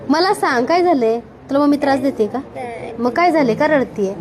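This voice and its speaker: A woman's voice: high-pitched, lively intonation, brisk, darkish tone. A woman, a video creator, chatting with visitors who came to meet her, teasing and reassuring them and repeating her questions. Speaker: video creator meeting viewers. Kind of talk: casual chat with visitors. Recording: crowd chatter behind the voice.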